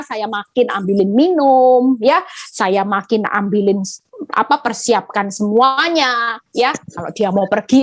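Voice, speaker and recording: A woman's voice: medium pitch, dry recording. A middle-aged woman evangelist preaching a sermon over a video call, emphatic, asking rhetorical questions and addressing her listeners directly.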